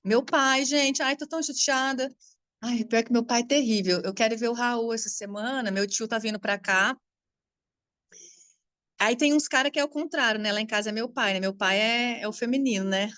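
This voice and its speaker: Speaking Brazilian Portuguese at a normal speed with no echo, this higher-voiced woman teaches astrology as a spiritual coach. Her casual talk to the audience is animated and frank, full of swearing and frequent laughter.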